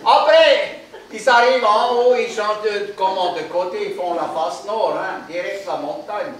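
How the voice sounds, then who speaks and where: A man's voice: high voice, measured pace, fairly bright tone, slight background noise. A man telling jokes on stage, chatty, sprinkling his lines with "hein". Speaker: joke teller. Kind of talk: live stand-up storytelling. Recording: echoey hall, voice from far off.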